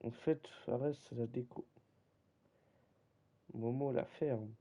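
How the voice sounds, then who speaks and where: A young man running a football league streams a game live over a desk microphone, chatting in slang, teasing viewers and repeatedly saying "gros." His mellow mid-range voice is fairly even in intonation, and he takes it slowly.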